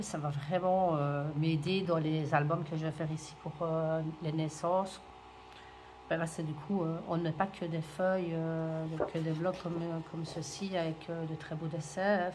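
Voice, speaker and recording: A woman's voice: on the low side, a little mellow. Chatty woman with faint room noise. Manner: hesitant, many fillers, gushing over cute items. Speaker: scrapbooking haul vlogger. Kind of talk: casual show-and-tell chat.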